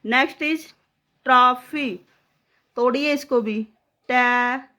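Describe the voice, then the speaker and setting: A woman leads a spelling lesson, breaking words into single letters and sounds. Her voice sits a little high, and she stretches every syllable out unhurriedly. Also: bright, forceful tone. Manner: slow, drawn-out syllable-by-syllable dictation. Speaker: English spelling teacher.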